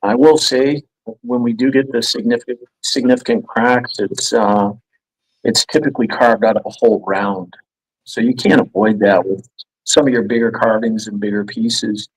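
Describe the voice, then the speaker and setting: A man explains his craft in a husky, somewhat breathy voice. He talks casually and haltingly, circling back with fillers and restarts. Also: medium pitch, steady tone, poor audio. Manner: hesitant, many restarts and fillers. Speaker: guest chainsaw carver. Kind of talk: casual explanation on a live stream.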